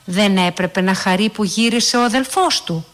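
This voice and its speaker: A woman's voice: medium pitch, fairly bright tone, natural voice. A woman voicing a curious eight-year-old girl who asks eager questions in a storybook reading. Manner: inquisitive, chatty.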